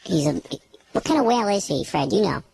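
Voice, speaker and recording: Cookie Puss, a man doing a pitch-shifted cake voice. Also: expressive, quick pace, creaky, crowd noise, full character voice. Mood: teasing. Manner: teasing, needling, mock-innocent. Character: cheeky talking ice cream cake, sexless squeaky mascot. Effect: pitch-shifted voice effect. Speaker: radio host. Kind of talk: radio comedy bit.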